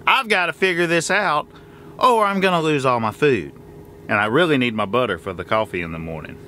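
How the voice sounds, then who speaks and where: A man's voice: mid-range voice, lively intonation, fairly quick, pushed and bright. A man, chatting folksily to the camera while he cooks in his truck cab and fuels up at a truck stop. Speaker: trucker vlogger. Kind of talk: casual cooking vlog. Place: truck sleeper cab, later outdoors at a fuel stop. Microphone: handheld camera close up. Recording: noisy truck and road ambience.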